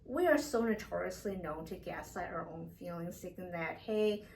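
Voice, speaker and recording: A woman's voice: fairly low pitch, normal speed, a little mellow. A woman guest therapist speaking in an earnest way in casual talk, repeating points for emphasis. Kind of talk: casual conversation. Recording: distant mic, faint noise.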